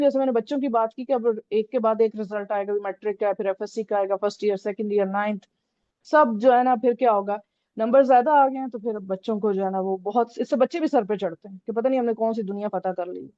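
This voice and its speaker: A woman's voice: fairly high pitch, fast, dark tone, dry recording, highs cut off. A woman teaching a religious lesson in a conversational way, often checking in with her listeners. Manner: conversational, repeats "theek hai" often. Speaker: Islamic teacher.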